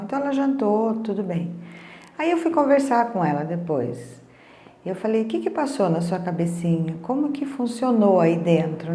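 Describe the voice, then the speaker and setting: A woman's voice: medium pitch, dark tone, reverberant, slight background noise. A middle-aged Brazilian woman giving a casual talk on emotions, chatty, often asking "né?" and retelling conversations. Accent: Brazilian Portuguese. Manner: conversational, frequent tag questions, retells dialogue. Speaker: emotional wellness speaker. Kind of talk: casual teaching monologue.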